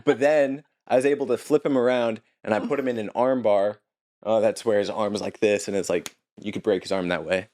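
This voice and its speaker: A young man from Utah, a podcast guest, telling stories in a relaxed casual chat and chuckling often. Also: fairly low pitch, fairly quick. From Utah, United States.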